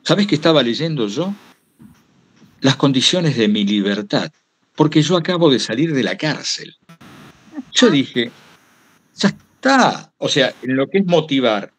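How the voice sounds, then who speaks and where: Husky and medium in pitch, his voice carries a Rioplatense Argentine accent. He's a guest storyteller at a talk, casually wandering through anecdotes and acting out people's words.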